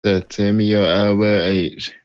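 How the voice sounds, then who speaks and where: A man's voice: lowish voice, flat delivery, normal speed, darkish tone, no room sound. Curt man barking orders on muffled chat. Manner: curt, repetitive commands. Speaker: police recruiter in roleplay. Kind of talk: roleplay game voice chat. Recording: muffled voice chat with faint noise.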